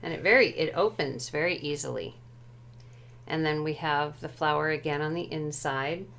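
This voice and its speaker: A woman's voice: low-pitched, normal speed, vocal fry, fairly bright tone. A woman walking through a tarot deck and its book at home, speaking carefully and tentatively, often unsure how a word translates. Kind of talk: unhurried show-and-tell walkthrough.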